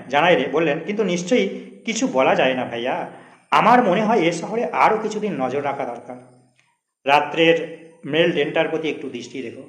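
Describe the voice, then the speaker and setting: In a roomy-sounding space, a medium-pitched man with a Bengali accent reads an old prose passage to his school literature class. He then breaks it down in simple language and works through exam questions.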